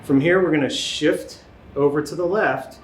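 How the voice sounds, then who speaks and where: A man teaching tai chi step by step in a calm, unhurried, reassuring manner. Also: a little high. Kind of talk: step-by-step guided movement instruction. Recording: roomy echo, guitar music behind.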